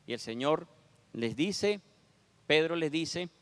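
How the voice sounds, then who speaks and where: High-voiced preacher in a reverberant hall. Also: male voice, expressive, slow pace, clear, resonant tone. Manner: asks rhetorical questions, punctuates with "ajá". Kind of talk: sermon teaching with scripture reading. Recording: long reverb of a large hall.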